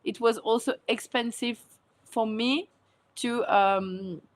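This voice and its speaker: A woman's voice: a little high, steady tone, slow pace. A woman from Mauritius, a guest answering in a casual interview, hesitant with many fillers and frequent laughs. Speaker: guest, food content creator.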